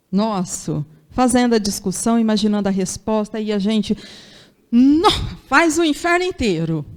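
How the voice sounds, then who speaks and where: A woman's voice: fairly high pitch, mellow. A woman from Brazil with an interior São Paulo accent, giving a Sunday spiritual lecture in a chatty way, full of rhetorical questions. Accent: São Paulo interior Brazilian Portuguese.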